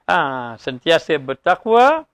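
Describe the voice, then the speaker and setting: A man with a Malaysian Malay accent delivers a religious lecture in a fairly high voice. He talks in a lively, joking way, with sudden jumps in pitch and frequent "ah" fillers. The sound is close and dry. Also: slow pace, clean tone, dry recording. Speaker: religious teacher. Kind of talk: sermon-style religious lecture.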